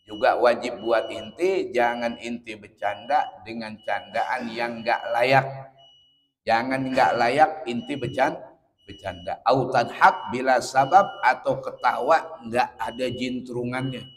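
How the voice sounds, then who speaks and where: A man's voice: mid-range voice, slow pace, long reverb tail, slight background noise. A man teaching a religious lesson. He reads Arabic lines from the book, then explains them with playful everyday examples. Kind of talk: kitab study lesson.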